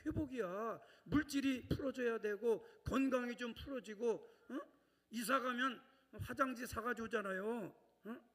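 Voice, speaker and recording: A man's voice: very high-pitched, a little slow, fairly bright tone. A male pastor preaching a sermon in a chatty way, often checking in with the congregation. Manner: conversational, keeps prompting the congregation. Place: church sanctuary. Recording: long church reverb.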